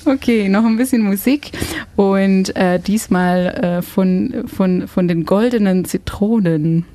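A woman's voice: mid-range voice, slow, warm tone. A woman from Belgium hosting a casual radio chat, searching for words and laughing often. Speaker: radio host.

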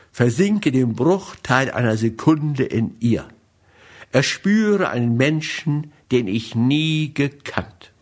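A man reading a first-person novel aloud in a measured, grave manner. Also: mid-range voice. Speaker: audiobook narrator. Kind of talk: first-person literary narration.

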